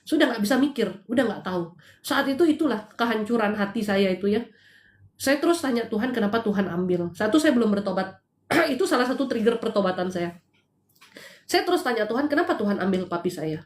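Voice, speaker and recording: A middle-aged woman from Indonesia speaks in a fairly high voice, telling her own story with feeling and asking the listener rhetorical questions. She is recorded at home in a room that echoes noticeably around her. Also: expressive, fairly quick. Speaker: host giving spiritual consultation. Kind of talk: emotional personal testimony.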